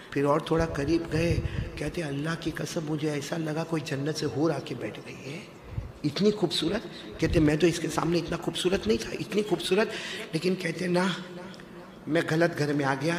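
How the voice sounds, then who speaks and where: High-voiced preacher shouting in an echoey hall. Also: male voice, background noise. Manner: swings from soft storytelling to shouted, chanted Quranic recitation. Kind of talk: Islamic story sermon to a live crowd.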